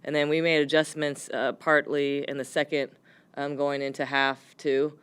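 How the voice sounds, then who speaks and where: Hoarse lady coach at a press conference, smooth clear tone under the wear, kinda rambly with lots of ums. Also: deep voice, level tone, moderate pace. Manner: candid, rambling with frequent fillers. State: hoarse, voice worn from yelling. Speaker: head coach. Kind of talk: post-game press conference answers.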